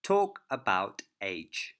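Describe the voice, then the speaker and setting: Very slow, carefully spoken male teacher. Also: fairly low pitch, big pitch swings, a bit bright. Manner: clear, careful word-by-word delivery. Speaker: English teacher. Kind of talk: slow, deliberate beginner lesson.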